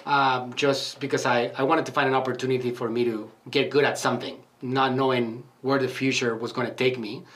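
A marketing agency owner with a somewhat bright, medium-pitched voice speaks in an earnest, emphatic motivational podcast manner. Fillers come up often as he delivers motivational talk and answers interview questions.

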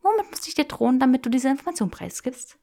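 A woman's voice: a little high, lively intonation, normal speed, creaky, darkish tone, voice pushed up. A woman voicing a playful, bold young witch who teases and often whispers. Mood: teasing.

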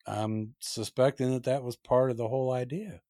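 A man's voice: medium pitch, fairly even intonation, normal speed, dark tone, no echo, clean studio sound. A man hosting a podcast, affirming his guest in a friendly way. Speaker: podcast host. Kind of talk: casual interview chat.

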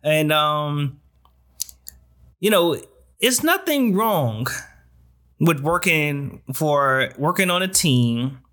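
A male host talks informally to his viewers in a high, bright voice. His delivery is slangy and conversational, checking in with the listener as he gives advice. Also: expressive, extremely slow, long pauses. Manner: informal slangy talk, often addressing listener with "you know". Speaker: online show host. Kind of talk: casual chatty advice to viewers.

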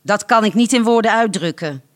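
A humble, eager poor man from a storybook, as the reader puts him on, answering quickly and earnestly, keen to please, with no airs at all. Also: medium pitch, animated, fairly bright tone, pitched above the performer's own voice, natural voice.

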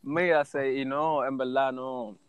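Smooth-voiced man joking. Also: mid-range voice, steady tone, slow, no room sound, muffled recording. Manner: joking, gives playful advice. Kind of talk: casual chat.

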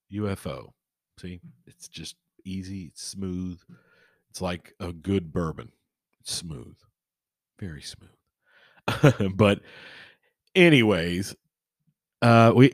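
Low-voiced man, rambling podcast host. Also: no room sound, studio quality. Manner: rambling, informal, chummy address to listeners. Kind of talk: casual solo podcast talk.

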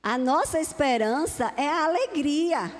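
A woman's voice: sits high, lively intonation, measured pace. A woman preacher delivering a sermon to a congregation in an earnest, repeating cadence. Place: church hall. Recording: long hall reverb.

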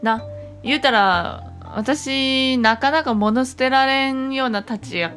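A woman co-hosting a relaxed podcast in a Toyama dialect, chiming in often and laughing easily. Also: high voice, takes it slowly, faint music behind. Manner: frequent backchannel, easy laughter. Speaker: podcast co-host. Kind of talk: casual podcast chat.

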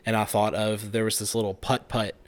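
A man's voice: fairly low pitch, a little fast, no echo. A man in his thirties hosts a casual podcast, his talk loose and rambling, full of fillers and false starts. The sound is close and dry, with no room around it. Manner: relaxed, rambling, with fillers and restarts. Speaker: podcast host. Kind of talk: casual chat.

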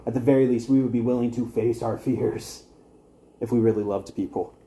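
A man's voice: mid-range voice, fairly even intonation, a little fast, warm tone, slight background noise. A young man teaching an evangelism class at church, earnest and conversational, with wry asides to his listeners.

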